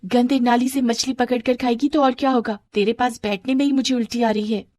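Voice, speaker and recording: Brief: woman doing a spoiled rich schoolgirl bully, scornful and mocking, a little higher than usual, dry close sound. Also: fairly even intonation, a little fast, darkish tone, dry recording, lightly acted. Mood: sneering.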